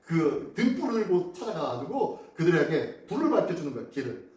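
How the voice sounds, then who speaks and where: Male pastor, sermon, animated questioning delivery, booming church echo, mic at a distance. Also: a little fast. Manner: animated, asks the congregation questions. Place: church sanctuary.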